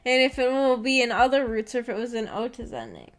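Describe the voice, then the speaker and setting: Talking fast, with big swings in her fairly high pitch, a woman VTuber streamer and host chats loosely with viewers. She's giggly, rambling and self-deprecating, and music runs in the background.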